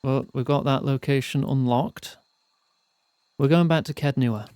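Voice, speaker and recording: A man streaming a fantasy role-playing game, reading its text aloud in measured storytelling style and chatting between passages. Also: mid-range voice, a little mellow, smooth, dry recording.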